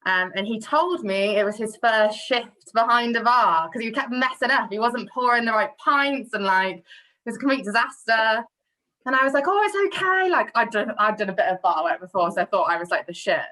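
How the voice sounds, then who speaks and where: Woman, Brummie accent, bright tone, young adult, chatty storyteller, casual video chat. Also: medium pitch, fairly quick, low-quality recording. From Birmingham, England. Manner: chatty storytelling with quoted asides. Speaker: former bar worker.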